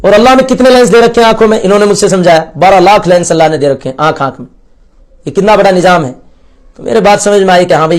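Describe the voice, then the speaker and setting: A man's voice: sits high, darkish tone. A young man giving an earnest personal testimony, acting out the dialogue as he retells it. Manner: earnest, storytelling with quoted dialogue. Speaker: convert sharing his story.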